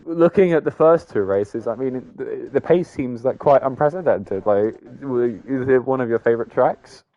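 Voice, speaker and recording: A man's voice: medium pitch, moderate pace, dark tone, lo-fi sound. A man hosting a sim racing league stream, reading results and chatting with drivers in a loose, filler-heavy way. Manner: filler-heavy, rambling, frequent "I mean". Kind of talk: casual post-race interview.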